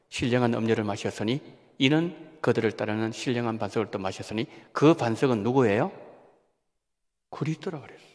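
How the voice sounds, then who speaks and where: A man preaching a Sunday sermon as senior pastor, with an animated delivery that acts out quoted voices and asks the congregation questions, in a church sanctuary. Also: medium pitch. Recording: long reverb of a church sanctuary.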